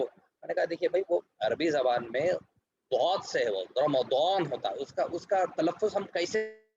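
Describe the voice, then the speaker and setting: Man, religious lecture, explanatory, hesitant fillers, emphatic rises, faint hiss. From India. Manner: rises in pitch to stress points. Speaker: religious speaker. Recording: muffled lo-fi recording with faint hiss.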